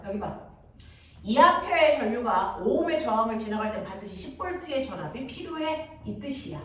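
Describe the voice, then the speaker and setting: A fairly high-voiced woman teaching a middle school science lesson. She talks briskly and keeps firing quick check-in questions at the class. She is captured from across a very echoey classroom with clear background noise. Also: a bit bright, far from the mic. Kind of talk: classroom lecture. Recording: echoey classroom from afar, noisy.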